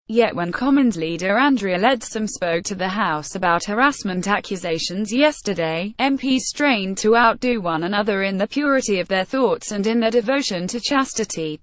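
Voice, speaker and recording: Woman, mid-pitched, steady reader for a news sketch, very dry sound. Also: dry recording. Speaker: article reader. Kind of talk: read-aloud news column.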